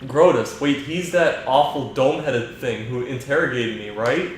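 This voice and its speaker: A man's voice: mid-range voice, moderate pace, heavy reverb, a little hiss or hum, close to an everyday voice. A man voicing a polite, curious young princess while reading game dialogue aloud. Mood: bright.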